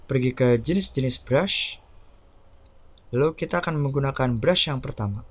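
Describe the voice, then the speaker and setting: A man narrating a step-by-step software tutorial over a screen recording, giving plain instructions one by one. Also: medium pitch, normal speed.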